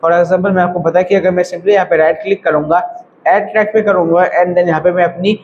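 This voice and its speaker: A man's voice: high-pitched, fairly even intonation, a little fast, dull audio, a little hiss or hum. A man teaching audio editing in a casual screen-recorded tutorial, chatty and repetitive. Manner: chatty, repeats "thik hai" and "bhai".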